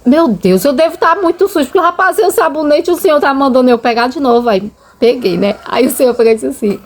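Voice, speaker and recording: A woman's voice: high-pitched, fast. A Brazilian woman with a Brazilian Portuguese accent and children of her own, earnestly and emotionally telling viewers her religious testimony in a casual storytelling way. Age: adult with children. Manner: emotional, earnest, often says "gente" to the viewers. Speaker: channel host sharing a faith testimony.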